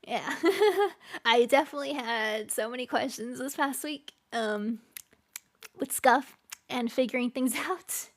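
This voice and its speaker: Her voice sits high and she takes her time. Live on stream, she chats casually with her audience, giggling a lot between lines and drifting off with fillers.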